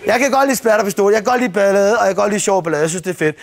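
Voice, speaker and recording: A man doing stand-up storytelling on stage, animated and swearing freely as he acts out scenes with shouts and sound effects. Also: high voice, vocal fry, crowd noise. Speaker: stand-up comedian. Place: stage before a live audience. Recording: TV broadcast with audience noise. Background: audience laughter.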